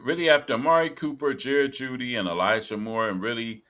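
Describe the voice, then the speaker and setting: A man's voice: mid-range voice, steady tone, fast talker, fairly bright tone. A man hosting a casual sports talk show, chatting loosely and repeating phrases for emphasis. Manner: conversational, reads from an article, repeats phrases for emphasis. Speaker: sports podcast host.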